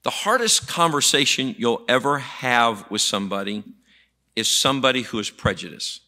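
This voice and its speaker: A man preaching, his voice bright and forceful. He speaks to the congregation in a folksy, emphatic way, circling back on repeated words as he drives each point home. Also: mid-range voice, expressive, normal speed. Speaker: pastor. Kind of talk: sermon.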